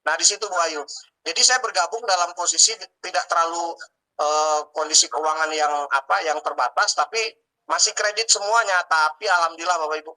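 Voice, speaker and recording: A man's voice: a little high, a little fast, sharp tone, rough recording. A man in his late thirties telling his business story in an interview, earnest and full of fillers and tag words. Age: late 30s. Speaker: guest businessman. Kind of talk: testimonial interview talk.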